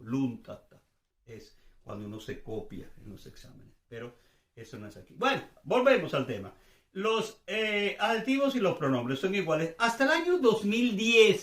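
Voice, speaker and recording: A man's voice: a little high, a bit bright, roomy sound. A man in his sixties from Venezuela gives a casual, rambling Spanish grammar lesson full of chatty, self-deprecating asides. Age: 60s. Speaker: Spanish teacher.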